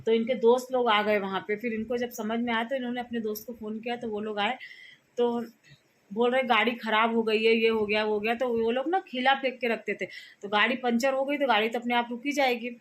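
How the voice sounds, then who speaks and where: Speaking briskly in a fairly high, steady voice, a thirtysomething woman vlogger tells her viewers a meandering personal story. She's casual and talkative, often using fillers and starting over.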